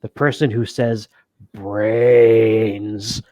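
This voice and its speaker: A man's voice: medium pitch, normal speed, no room sound. A man co-hosting a casual board game podcast, rambling with many fillers and frequent laughs. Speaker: podcast co-host. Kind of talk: casual chat.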